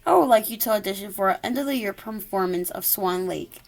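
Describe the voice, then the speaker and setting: A woman's voice: medium pitch, a little fast, vocal fry, natural voice. A woman voicing a jolly, encouraging young ballet teacher while reading a picture book to children. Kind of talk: character voice in a children's read-aloud.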